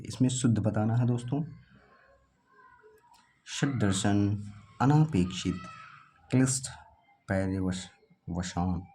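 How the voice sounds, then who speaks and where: A man's voice: lowish voice, dark tone, slight background noise. Man talking through exam spelling answers. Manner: sounds out words while eliminating options. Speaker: teacher. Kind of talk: exam practice lesson.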